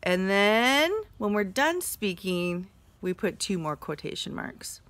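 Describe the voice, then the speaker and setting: Woman teacher, kids' grammar lesson, lively pitch, slow and encouraging. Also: no echo. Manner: slow, encouraging explanations with fillers. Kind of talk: online grammar lesson for children.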